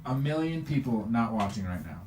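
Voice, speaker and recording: A Bosnian stand-up comedian performs crude, improvised material for people in a retro video game store, brashly provoking the crowd. His medium-pitched voice is animated and fairly quick, and he's recorded far from the mic amid store noise.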